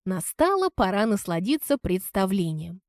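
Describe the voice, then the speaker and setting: A woman narrating an audiobook in first person, expressive and dramatic. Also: medium pitch, moderate pace, no room sound, clean studio sound.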